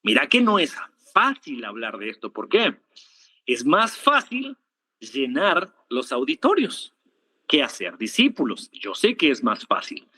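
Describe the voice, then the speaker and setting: Animated Argentine preacher man. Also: medium pitch, measured pace, slightly rough. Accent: Argentine Spanish. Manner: animated, rhetorical questions, jokes and laughs. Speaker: preacher and online host. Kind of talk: livestream preaching with viewer greetings.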